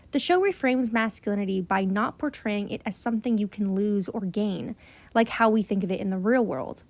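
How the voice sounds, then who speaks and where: A woman narrates a scripted video essay in an earnest, explanatory way. Her voice sits fairly high, and the recording is dry and close. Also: a little mellow, dry recording.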